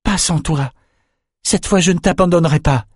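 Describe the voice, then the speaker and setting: A man's voice: a little high, moderate pace, slightly rough, no echo, clean studio sound, voice pushed up. A man reading an audiobook voices a loyal, emotional young man who speaks in an earnest, pleading way.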